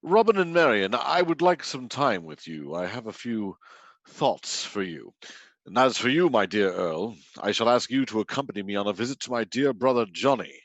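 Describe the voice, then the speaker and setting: An actor playing a gracious king who speaks in a measured, commanding way in a radio play. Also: mid-range voice, expressive, no room sound, close to an everyday voice. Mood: regal. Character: regal, gracious disguised king. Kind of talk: stage radio-play acting.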